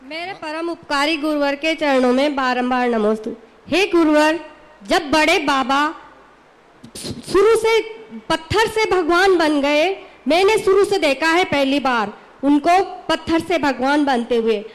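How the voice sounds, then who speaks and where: A woman's voice: high-pitched, animated, a little slow. A woman devotee earnestly and reverently asking a question.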